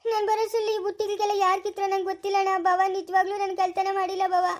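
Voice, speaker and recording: A woman's voice: very high-pitched, level tone, racing. A girl playing a pleading orphan village girl. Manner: pleading, begging. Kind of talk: amateur family drama acting.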